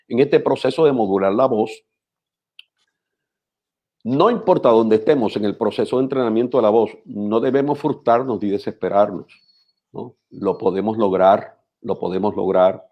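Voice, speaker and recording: A man, a pastor teaching preachers in a measured, instructive radio talk who repeats phrases for emphasis. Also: medium pitch, a little mellow.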